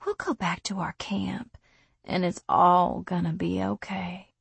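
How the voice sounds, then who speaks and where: A woman voicing a mocking, predatory bald male thug who drawls his taunts and drops to a menacing hush. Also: high voice, lively intonation, measured pace, creaky, breathy edge, no room sound, pitched above the performer's own voice, heavily acted. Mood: leering hush.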